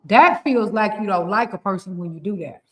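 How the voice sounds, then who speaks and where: Animated country-accented woman, roomy echo. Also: mid-range voice, a little fast. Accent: rural Southern US. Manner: animated, laughing, preachy advice-giving. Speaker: relationship coach co-hosting a morning show. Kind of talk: casual live-stream talk show.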